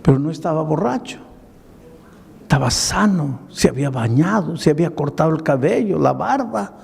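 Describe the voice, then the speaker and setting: A middle-aged man, a pastor, telling a story in a sermon at an earnest, measured pace and acting out the dialogue in it. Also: on the high side, animated, gravelly, darkish tone, husky. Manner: slow, earnest storytelling that acts out quoted dialogue. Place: large hall. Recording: long reverb of a large hall.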